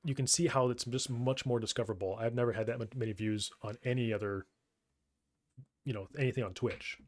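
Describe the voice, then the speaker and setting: A man's voice: mid-range voice, steady tone, fairly quick, darkish tone. Stammering man podcast co-host. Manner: stammering, restarts words often. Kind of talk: casual podcast chat.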